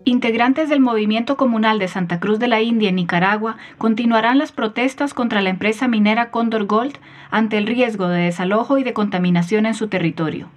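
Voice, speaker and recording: A woman anchoring a radio news magazine, reading headlines in a crisp, formal way. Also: on the high side, fairly quick, few pauses, faint music behind.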